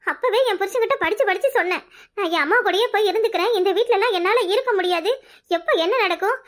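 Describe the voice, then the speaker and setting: Woman voicing a cartoon young wife, very high voice, bright, self-pitying wails, southern Tamil Nadu accent. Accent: southern Tamil Nadu dialect. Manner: wailing, self-pitying protests. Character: young married woman, touchy and tearfully dramatic. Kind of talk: cartoon voice acting.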